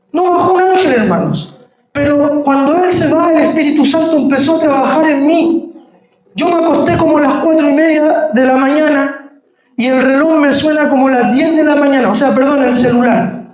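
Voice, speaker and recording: A man's voice: extremely high pitch, normal speed. A man giving a sermon testimony, telling a story and calling the listeners brother. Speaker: preacher. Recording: roomy echo.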